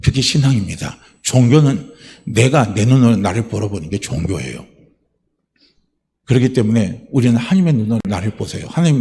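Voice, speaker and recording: A man's voice: mid-range voice, a little mellow. A middle-aged man, a pastor, preaching a sermon, firing rhetorical questions at the congregation and acting out the voices he quotes. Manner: acts out quoted voices in a raised tone.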